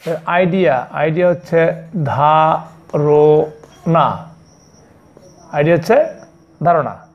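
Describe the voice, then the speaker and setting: A male primary school teacher with a Bangladeshi accent, giving a slow classroom lesson and spelling out words letter by letter. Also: a little high, creaky, highs cut off. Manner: spells words letter by letter, repeats each meaning several times.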